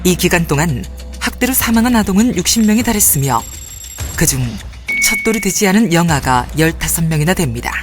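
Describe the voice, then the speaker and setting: A woman narrating with an even, informative tone. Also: fairly low pitch, fairly quick, over music. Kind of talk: scripted narration.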